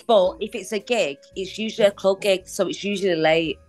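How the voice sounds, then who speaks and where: A woman's voice: medium pitch, a little fast, darkish tone, faint music behind. A woman musician from England, a guest on a video-call interview, talking in a chatty way with frequent laughs and repeated phrases, calling in on a phone from her living room. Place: living room with a Christmas tree.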